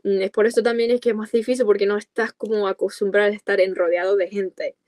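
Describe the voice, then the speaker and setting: A native English-speaking woman in her twenties from California chats casually and colloquially as an interview guest; she's a podcast guest and content creator. She joins by video call from a small dark room with coloured lights. Her mid-range, darkish voice is level and fast, recorded in studio quality with no echo.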